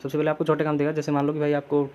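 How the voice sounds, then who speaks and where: A man's voice: fairly high pitch, monotone, racing, mellow, clear, resonant tone. A young man teaching English vocabulary in casual Hindi mixed with English, chatty and telling little stories as memory tricks.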